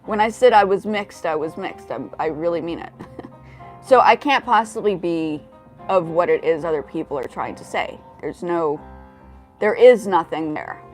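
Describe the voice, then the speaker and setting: A woman in her forties who grew up in South Africa, the United States and Japan hosts a casual livestream, chatting with viewers in a rambling way and often restarting her sentences. Her fairly low voice is expressive and moderately paced, with soft music playing behind her.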